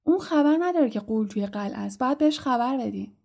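A woman's voice: on the high side, expressive, creaky. Woman doing a curious eleven-year-old schoolboy. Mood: urgent. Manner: urgent, sometimes hushed.

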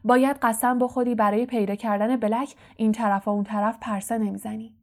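A woman doing a worried, kindly father speaking low. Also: little pitch movement, darkish tone, lightly acted. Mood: earnest. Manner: low, hurried, earnest. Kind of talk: audiobook character voice.

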